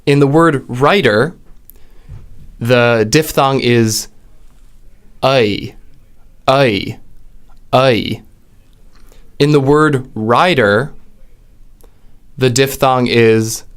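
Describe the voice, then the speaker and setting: Male lesson host, mid-pitched, patient delivery that stretches out the example vowels. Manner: deliberate, drawing out example words and vowel sounds. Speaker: linguistics video host. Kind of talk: explanatory lesson.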